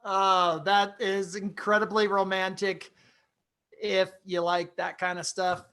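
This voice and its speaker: A man's voice: high voice, level tone, slow, bright, forceful tone. A man hosting an online improv dating game, chatty and hesitant with many fillers. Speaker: game show host.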